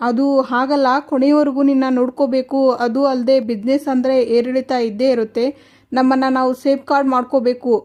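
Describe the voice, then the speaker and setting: A young businessman suitor, smooth and evasive, who is really after money, as a woman narrator reads him. The voice is high and plain, delivered as a straight storytelling read. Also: little pitch movement, fairly quick, a little mellow.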